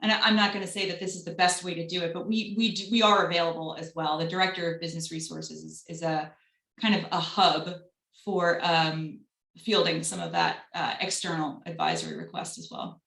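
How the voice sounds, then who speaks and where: A woman's voice: fairly low pitch, brisk, creaky, fairly bright tone, roomy sound. A woman with a Long Island accent answering questions in an online panel, hesitant with many fillers. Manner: hesitant, many ums and sort-ofs. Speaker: panelist from a lending organization.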